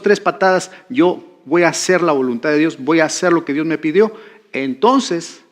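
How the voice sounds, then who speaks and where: A man preaching a sermon, talking with the congregation and putting questions to them. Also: on the high side. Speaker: pastor.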